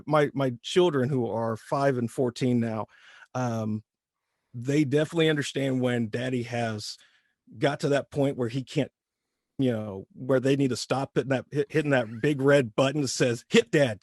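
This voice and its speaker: A man's voice: mid-range voice, no room sound, clean studio sound. A man in his thirties from Indiana with a light rural Midwestern twang, chatting easygoing as a voice actor guest. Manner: easygoing, rambling with restarts. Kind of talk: casual interview.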